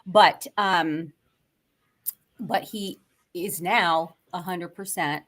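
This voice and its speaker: A woman's voice: on the low side, very slow, fairly bright tone. A woman co-host telling a story in a rambling, casual way, full of fillers and little laughs. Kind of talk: casual chat.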